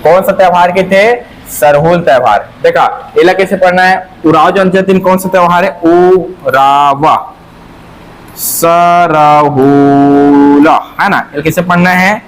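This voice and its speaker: A man's voice: sits high, normal speed, slight background noise, low-quality recording. A man teaching an exam-prep class with a Chhattisgarhi accent, drilling answers by repeating them in a sing-song and asking and answering his own questions.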